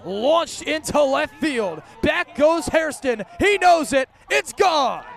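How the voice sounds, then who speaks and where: Calling a baseball game live on radio, a male play-by-play broadcaster with a very high-pitched voice speaks in punchy, clipped phrases. On bigger plays, he stretches his words into drawn-out shouts.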